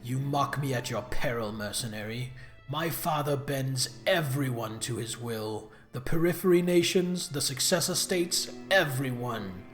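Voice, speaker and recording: A man's voice: medium pitch, measured pace, a bit bright, soft background music, pitched below the performer's own voice, close to an everyday voice. Man voicing a haughty, mustache-twirling villainess. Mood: haughty, threatening. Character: captured arrogant noblewoman villain, vengeful, fanatically loyal to father. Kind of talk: reading video game dialogue aloud.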